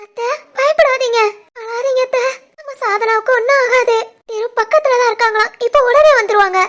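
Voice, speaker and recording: A gentle young wife in a cartoon family drama, voiced by a woman, soothing and urgent by turns. The voice is extremely high and childlike, with a Tirunelveli Tamil accent. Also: brisk. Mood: consoling. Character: gentle young wife consoling her in-laws.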